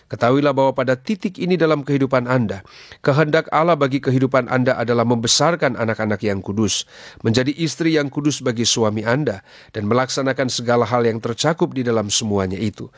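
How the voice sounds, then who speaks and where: A man's voice: mid-range voice, fast talker, no echo, clean studio sound. A man preaching a radio sermon, earnest and exhorting, asking his listeners question after question.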